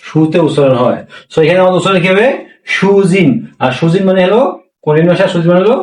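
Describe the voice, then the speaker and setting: A man's voice: high voice, quick pace, a little mellow, echoey room, far from the mic, low-quality recording. A man teaching a pronunciation lesson, asking and answering his own questions and repeating each point. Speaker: language teacher.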